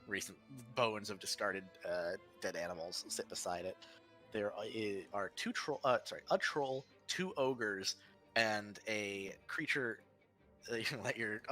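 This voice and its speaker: A man narrating a tabletop game as game master, improvising haltingly as he describes scenes. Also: fairly low pitch, sharp tone.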